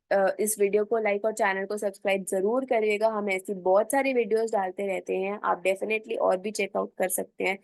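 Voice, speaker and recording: A woman teaching a spoken English lesson, mixing colloquial Hindi explanations with slow, deliberate English example phrases. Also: medium pitch, no echo.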